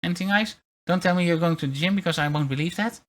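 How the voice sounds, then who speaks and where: A man livestreaming in a casual chat, talking in a halting, rambling way with wry, self-deprecating grumbles. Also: sits high. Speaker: VTuber streamer.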